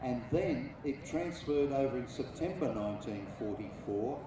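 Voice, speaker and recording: A man giving live airshow commentary on aircraft history in a measured, informative way, pausing between phrases, over an outdoor loudspeaker system. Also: medium pitch, animated. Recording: echoey distant PA, loud engine noise. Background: aircraft and vehicle noise, outdoor ambience.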